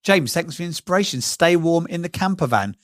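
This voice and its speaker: Man, podcast co-host, playful, teasing, fairly high voice, dry close sound. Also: lively intonation, brisk, no echo. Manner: playful, teasing, bursts into silly singing. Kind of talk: casual chat, interviewing a guest.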